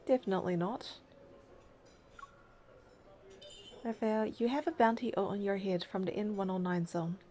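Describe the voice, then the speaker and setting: A woman voices a practical, skeptical young heroine in an English-dubbed game, narrating and talking in a dry, matter-of-fact, firm way. Her natural voice is medium-pitched and dark-toned, and she speaks fairly quickly.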